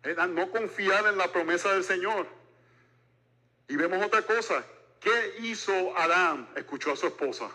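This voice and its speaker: A man's voice: sits high, bright, forceful tone. A man in his forties preaching a sermon as pastor, mixing jokes into a conversational delivery. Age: 40s.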